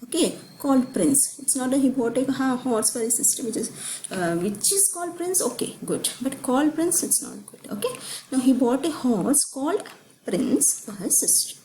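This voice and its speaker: A woman's voice: sits high, big pitch swings, normal speed, warm tone, a little hiss or hum, low-quality recording. A woman teaching a grammar lesson, explaining step by step and asking the class questions as she goes. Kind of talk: grammar lecture.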